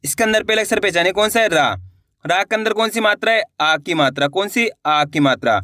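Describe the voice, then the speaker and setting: A man's voice: sits high, quick pace, pushed and bright, no room sound, clean studio sound. A man teaching Hindi reading online, sounding out each syllable before blending it into the word and checking that viewers follow. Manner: spells words out syllable by syllable, then blends them; coaxing, checks understanding with the viewers.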